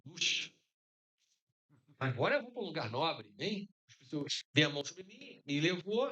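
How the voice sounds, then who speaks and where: A man's voice: on the high side, big pitch swings, normal speed, bright, forceful tone, muffled recording. A middle-aged man with a Brazilian Portuguese accent giving an informal conference sermon, joking and tossing out rhetorical questions. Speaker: conference speaker.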